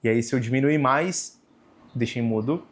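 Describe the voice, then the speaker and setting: At a moderate pace, a young man with a Brazilian accent and a medium-pitched male voice breaks down a camera menu step by step. The tone is casual and relaxed, full of "né" and "tá," in a hands-on tutorial recorded through the camera microphone.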